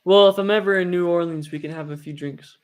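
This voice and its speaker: Higher-voiced American man chatting casually. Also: fairly even intonation, fast. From Utah, United States. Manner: rambling, frequent "like" and "you know". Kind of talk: casual chat on a livestream.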